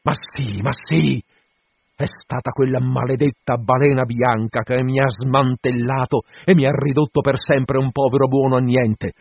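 A man voicing a fierce, obsessed whaling captain in an audiobook, commanding and tormented, declaiming forcefully to his crew. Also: mid-range voice, normal speed, husky, highs cut off, lightly acted. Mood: anguished rage. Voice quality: forceful shouting delivery. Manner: grandiose, exclamatory, rallying his crew.

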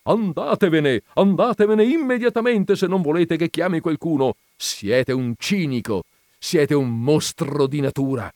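A man's voice: mid-range voice, big pitch swings, slow, a little mellow, no room sound, studio quality, pitched above the performer's own voice. A man reading aloud, voicing a grieving widow who grows indignant and exasperated.

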